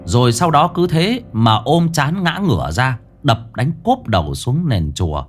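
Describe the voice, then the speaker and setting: A man telling a ghost story as dramatic, expressive scripted narration. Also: medium pitch, measured pace, soft background music.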